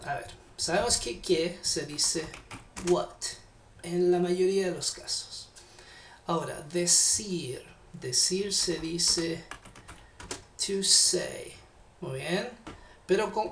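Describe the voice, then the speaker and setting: A man with a Chilean accent, teaching an English lesson, speaking patiently and deliberately to his learners. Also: a little high, gravelly, echoey room, slight background noise. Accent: Chilean Spanish. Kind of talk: classroom lesson explanation.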